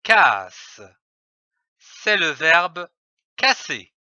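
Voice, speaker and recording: A man giving a scripted reading lesson for young children, slowly spelling out letters and syllables. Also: a little high, sing-song, pushed and bright, dry recording, dull audio. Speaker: reading teacher.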